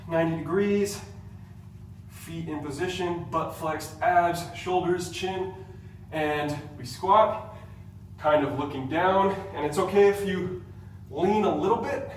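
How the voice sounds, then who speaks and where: A man coaching a workout from across a very echoey room, his voice sitting fairly high for a man. He calls out positions in short, clipped cues, breathing hard between moves. The mic is well away from him, with a faint hum behind. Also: distant mic. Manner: cueing steps in short commands. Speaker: fitness instructor. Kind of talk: workout tutorial.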